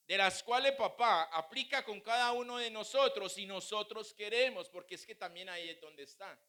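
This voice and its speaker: A man's voice: sits high, bright, forceful tone. A male pastor preaching a sermon, mixing humorous family stories with teaching. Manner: humorous, anecdotal preaching with acted quotes.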